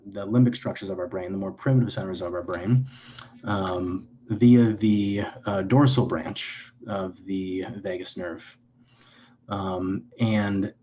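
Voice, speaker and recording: A man's voice: lowish voice, dark tone, muffled recording. A man speaking as a clinician guest in an interview, explaining in an earnest, lecturing way with frequent restarts and self-corrections.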